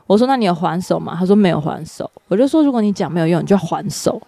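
Gravelly-voiced woman in casual chat. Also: lowish voice, expressive, fast talker, dark tone, no echo. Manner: thoughtful, searching for words. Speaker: podcast co-host.

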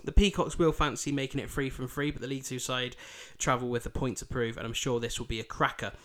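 A man from Bridlington, East Yorkshire, England, with a thick Yorkshire accent hosts a football podcast, previewing fixtures in an informal, chatty mix of script and casual talk. His voice is medium-pitched and fairly bright, fast, with fairly even intonation.

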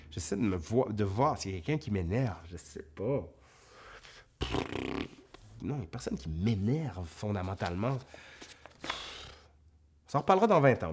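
A man speaks in a fairly low voice with a clear Quebec French accent. He chats casually to viewers as a host, reading out their questions and answering them off the cuff. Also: darkish tone. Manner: conversational, reads questions aloud then answers off the cuff. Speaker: history video host.

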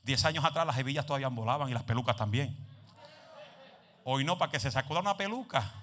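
A man preaching a sermon as pastor, telling humorous stories, mixing in English phrases and building up to shouted exhortations. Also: mid-range voice, expressive, fast talker. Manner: drops English phrases into his talk; humorous storytelling.

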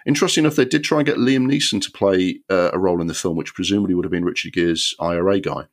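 A man hosting a film podcast, giving an animated, exasperated review with many ums and the odd swear word. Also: low voice, fast talker.

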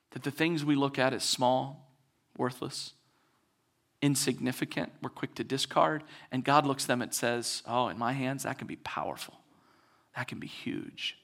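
A man's voice: medium pitch, a bit bright. A man preaching a conversational sermon as a pastor, acting out quoted voices with touches of humor.

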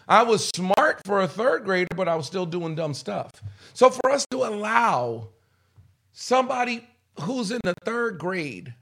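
A man in his fifties from the United States, telling stories in an animated podcast chat and tagging lines with "okay?". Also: sits high, gravelly. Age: 50s. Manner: emphatic, repeats "okay?" often, acts out quotes. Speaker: guest.

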